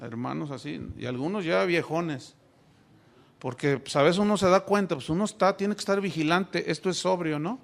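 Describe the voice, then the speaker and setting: A man's voice: a little high, normal speed, gravelly. A middle-aged pastor from Mexico preaching a sermon, asking his congregation rhetorical questions.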